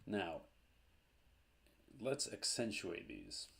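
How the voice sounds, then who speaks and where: A man teaching a language lesson, explaining grammar step by step in a slow, methodical way. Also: lowish voice, huge pitch swings, creaky, fairly bright tone.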